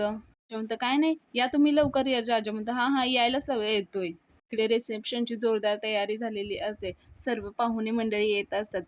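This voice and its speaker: Woman, serial episode recap, animated quoting of characters, higher voice, dry close sound. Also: no room sound. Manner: lively retelling, her voice rising for each quoted character's line.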